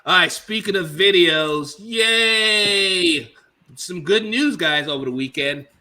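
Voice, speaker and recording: A man's voice: a little high, moderate pace. A man hosting a casual comedy panel chat, joking around and acting out quotes in silly voices. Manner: animated, jokey, acts out quotes in silly voices. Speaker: host.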